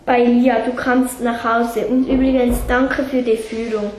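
A woman's voice: a little high, level tone, measured pace, a little mellow, a little hiss or hum, lightly acted. A woman voicing an earnest, caring girl in a read-aloud story, in an echoey room. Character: caring girl, granddaughter of a forester.

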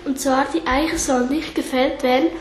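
A woman's voice: sits high, fairly even intonation, moderate pace, a little hiss or hum, lightly acted. A woman voicing an earnest, caring girl in a read-aloud story, in an echoey room. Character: caring girl, granddaughter of a forester.

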